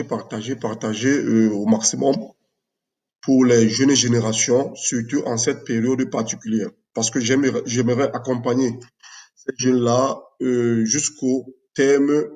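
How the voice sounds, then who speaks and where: In an unscripted video, a male math teacher from Cameroon shows off his own project, talking in a measured way with frequent fillers. He has a mellow, mid-range voice.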